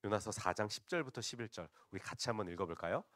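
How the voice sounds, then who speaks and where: A man's voice: lowish voice, lively intonation, fast talker, fairly bright tone, dry recording. A man preaching a sermon, retelling a Bible story and often addressing the congregation directly.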